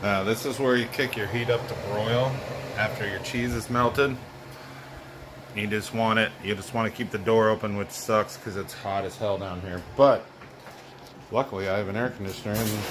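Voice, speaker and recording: This home cook's voice is on the low side, at normal speed with frequent pauses. Recording a casual cooking vlog indoors in his kitchen, he chats in a tipsy, giggly, loose way over a clear air-conditioning hum.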